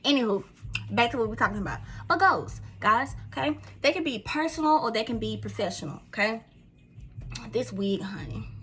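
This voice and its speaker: A woman's voice: mid-range voice, a bit bright. A woman with a Mississippi country accent giving casual life advice to camera, informal and slangy, often checking in with "okay?" and calling the viewer friend. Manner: chatty, tags lines with "okay?" and addresses viewer as friend.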